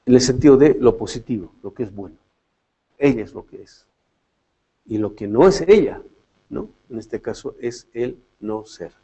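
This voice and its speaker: A man's voice: mid-range voice, animated, normal speed, warm tone, breathy edge, poor audio. A man giving a philosophy lecture in a reflective way, often tagging his points with questions and restarting his phrases. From Latin America.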